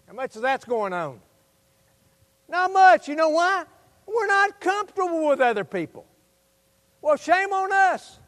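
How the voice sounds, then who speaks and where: A man preaching a sermon as a pastor, fervent and exhortative, appealing directly to his listeners and swinging between loud emphasis and hushed asides. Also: very high voice, big pitch swings, moderate pace, pauses often. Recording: hall reverb.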